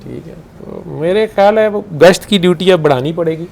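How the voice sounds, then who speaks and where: A man's voice: fairly high pitch, animated, moderate pace, vocal fry, a little mellow, a little hiss or hum. A man with a Punjabi accent giving an informal spiritual talk to his followers. He talks conversationally, asks rhetorical questions and drops into Punjabi phrases. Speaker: spiritual healer.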